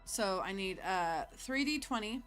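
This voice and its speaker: A giggly, chatty woman narrates a solo tabletop game at an unhurried pace. Her voice is bright and smooth, and faint music plays behind her. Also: medium pitch, animated.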